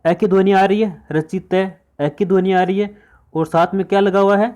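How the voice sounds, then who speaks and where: A man's voice: sits high, fairly even intonation, normal speed, a little mellow, highs cut off. A man teaching an exam-prep grammar lesson, repeating each point and answering his own questions.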